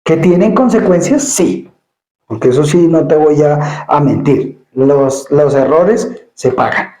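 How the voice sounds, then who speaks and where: A male pastor preaching an emphatic sermon, often repeating words and acting out quick asides. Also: a little high, dark tone, roomy sound, poor audio.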